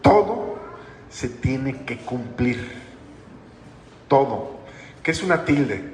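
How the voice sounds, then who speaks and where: Pastor preaching in an echoey hall. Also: male voice, mid-range voice, expressive, extremely slow. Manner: conversational preaching, asks the congregation questions. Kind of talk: sermon. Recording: echoey hall with long reverb, faint noise.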